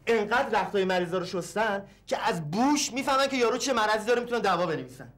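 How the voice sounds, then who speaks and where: An actor playing a brash, excitable young man in a sitcom, boastful and quick to scold. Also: sits high. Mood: explaining. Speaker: comic sitcom character. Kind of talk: sitcom acting.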